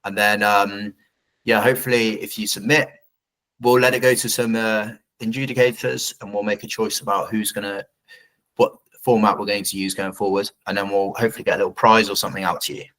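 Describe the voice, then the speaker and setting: Male host, lower voice, easygoing informal delivery, video-call chat. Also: little pitch movement, a little fast, a bit bright, poor audio. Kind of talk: casual meeting chat.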